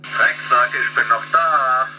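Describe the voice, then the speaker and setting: Man, CB radio transmission, heavy static, mid-pitched, menacing drawn-out taunts. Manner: threatening, insulting, drawn-out taunts. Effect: heard over CB radio. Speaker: CB radio operator. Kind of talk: hostile radio banter.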